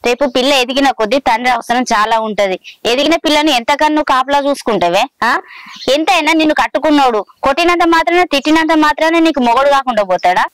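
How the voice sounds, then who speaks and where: A woman's voice: high voice, smooth, dry recording, lightly acted, low-quality recording. A woman playing an elder-sister neighbor who lectures a troubled wife insistently, with a Telangana Telugu accent. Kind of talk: village short film drama.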